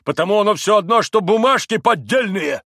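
A man's voice: high voice, lively intonation, fairly quick, bright, forceful tone, no room sound, clean studio sound, pitched above the performer's own voice, heavily acted. A man reading an audiobook, voicing a shrewd old innkeeper who scolds bluntly. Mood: scornful accusing.

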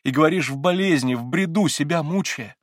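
Мужчина читает кроткого, сострадательного Алёшу. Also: male voice, fairly high pitch, a little fast, no room sound, clean studio sound, voice pushed up, close to an everyday voice. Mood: pleading. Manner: earnest, pleading. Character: gentle, compassionate young man pleading with his brother.

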